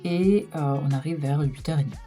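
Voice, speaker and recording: A woman's voice: deep voice, brisk, mellow, soft background music. A young woman telling a casual storytime vlog, chatty and full of hesitation fillers. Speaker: vlogger.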